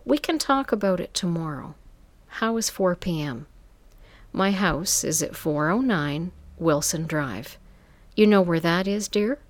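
A woman voicing a sultry grown woman who runs a phone business, speaking smoothly and coaxingly. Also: fairly low pitch, lively intonation, a little slow, dry recording. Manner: smooth, coaxing, calls people dear.

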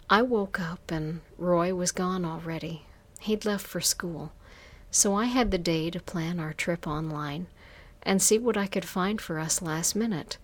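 A woman reading an erotic story aloud in a soft, unhurried way, often dropping into a whisper. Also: lowish voice. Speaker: story narrator.

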